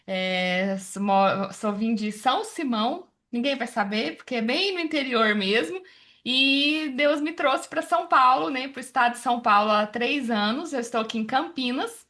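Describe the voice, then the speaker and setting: A woman's voice: a little high, moderate pace. A woman in her forties from the interior of Goiás, chattily introducing herself on a video call and often adding "né". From interior of Goiás, Brazil. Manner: chatty, warm, religious, many fillers like "né". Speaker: workshop participant.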